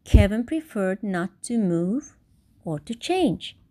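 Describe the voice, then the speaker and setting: A woman reading a children's picture book aloud expressively, with deliberate, theatrical emphasis on key words. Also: medium pitch, very animated, warm tone. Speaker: storybook reader.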